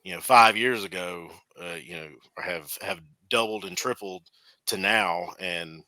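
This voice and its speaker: A man's voice: sits low, measured pace, sharp tone, no echo, rough recording. A man, promoting his organization as a guest in an easygoing, joking way. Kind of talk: casual conversation.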